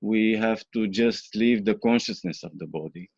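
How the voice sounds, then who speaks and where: A man's voice: lowish voice, moderate pace, darkish tone, breathy edge, dry recording. A man from Bulgaria answering interview questions, hesitant, with many fillers. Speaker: interview guest. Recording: dull lo-fi dry sound.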